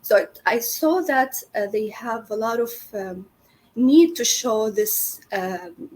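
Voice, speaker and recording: A woman telling her own story casually, haltingly searching for words. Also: on the high side, animated, darkish tone, rough recording. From Middle East. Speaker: interview guest, boutique co-founder.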